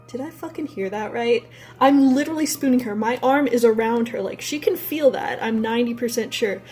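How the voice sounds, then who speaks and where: A young adult woman with a warm, mid-range voice vlogs candidly, rambling through personal stories told to the camera and swearing now and then.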